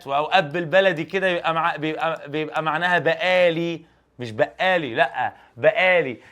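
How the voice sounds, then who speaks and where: A young man with an Egyptian Arabic accent, teaching an exam review lesson in an animated, joking way full of rhetorical questions. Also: on the high side. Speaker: English teacher.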